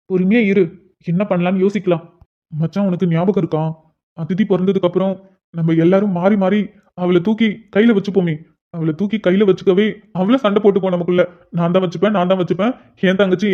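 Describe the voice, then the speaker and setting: A man's voice: high voice, natural voice. A man voicing an earnest young man in a cartoon, talking to his friend about his troubled little sister. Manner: earnest, pleading, calls his friend "machan". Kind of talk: cartoon voice acting. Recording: dull lo-fi sound.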